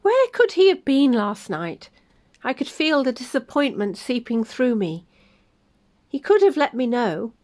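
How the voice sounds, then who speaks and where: A woman reads her own first-person love story aloud. She tells it gently and expressively, in a somewhat high voice. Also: big pitch swings, a little slow.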